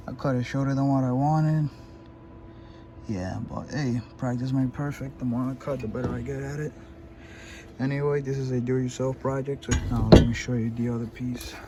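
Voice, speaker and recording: A man's voice: medium pitch, fairly even intonation, normal speed, long pauses. A man casually narrating a do-it-yourself motorcycle job as a vlogger, rambling and correcting himself as he goes. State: out of breath at times.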